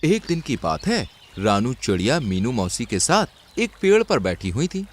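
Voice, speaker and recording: A man's voice: mid-range voice, moderate pace. A man narrating a children's cartoon story expressively. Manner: expressive and lively.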